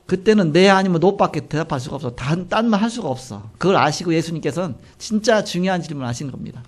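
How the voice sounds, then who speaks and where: A man preaching a sermon, retelling scripture with animated storytelling and acted-out dialogue. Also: on the high side, breathy edge. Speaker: pastor.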